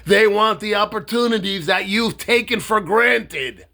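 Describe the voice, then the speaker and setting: Slow-talking man from Miami, mocking rant. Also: high voice, bright, forceful tone. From Miami, Florida. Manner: blunt, mocking, swears freely; loose and halting, with fillers. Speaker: political satire vlogger. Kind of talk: profane political rant and monologue.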